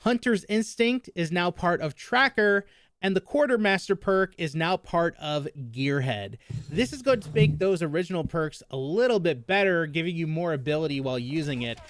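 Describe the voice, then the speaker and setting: Guy doing gaming news narration, kinda high voice, mouth sounds numb from the dentist. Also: lively intonation, normal speed, dry recording, clean studio sound. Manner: slightly slurred speech, mouth numb from the dentist. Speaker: gaming YouTube host.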